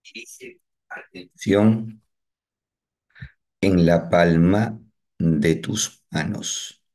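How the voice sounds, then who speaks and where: In a rough recording, a man with a low voice guides a morning meditation. His breathing instructions are calm and repetitive, separated by long pauses.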